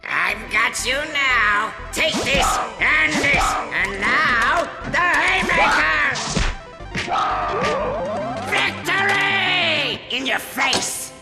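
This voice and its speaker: An actor playing a ranting megalomaniac robot villain in a video game, bombastic and melodramatic. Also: male voice, very high-pitched, slow pace, vocal fry, few pauses, full character voice. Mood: gloating. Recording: echoey room with loud music.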